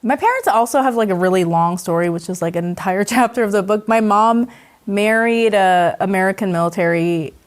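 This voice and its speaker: A woman's voice: medium pitch, lively intonation, a little fast. A woman in her forties from South Korea, a comedian and author talking as an interview guest in a chatty way, laughing often and saying "like" a lot. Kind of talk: casual interview conversation.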